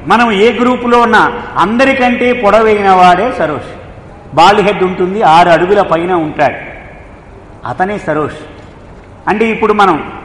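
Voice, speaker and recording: A man with a high voice tells devotional anecdotes in a lively, animated way. His voice rings around a hall with a long reverb, and a faint ambience sits underneath. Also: slight background noise. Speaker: spiritual storyteller. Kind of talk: devotional storytelling discourse.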